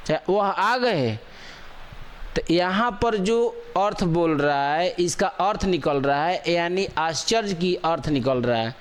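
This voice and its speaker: A man's voice: high-pitched, clear, resonant tone. A man teaching a grammar lesson, repeating example sentences over and over with rising and falling intonation to show the difference. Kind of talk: Hindi grammar lecture.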